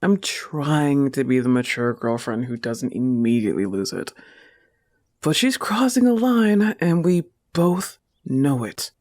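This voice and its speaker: Voicing a goth wolf-girl girlfriend in an intimate audio roleplay, a man sounds firm and supportive, his natural voice animated. He keeps an average male pitch and a slow, soft delivery that often drops to breathy whispers, with tender, teasing, territorial undertones.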